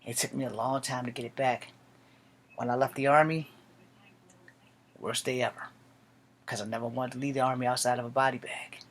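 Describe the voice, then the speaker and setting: A man's voice: mid-range voice, fairly even intonation, fairly quick, pauses often. A man in his late forties, an army veteran, speaking a blunt, profane and defiant personal monologue to camera. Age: 40s.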